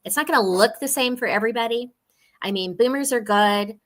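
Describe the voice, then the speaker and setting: A woman in her forties, a financial specialist, speaks earnestly in a casual video-call interview from home while a dog barks nearby. She laughs easily and gives warm, chatty explanations in a fairly high, brisk voice.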